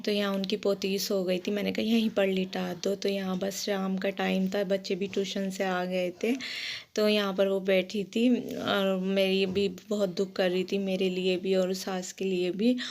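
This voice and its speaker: A middle-aged woman chatting through a casual voice-over of her day at home, rambling warmly from one small thing to the next. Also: mid-range voice, little pitch movement, unhurried. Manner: chatty, warm-hearted, rambling storytelling. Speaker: vlogger. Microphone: phone.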